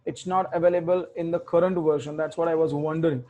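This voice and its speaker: A man teaching live coding thinks aloud and mutters while typing commands, often correcting himself. His slightly high, mellow voice moves at a quick pace with fairly even intonation.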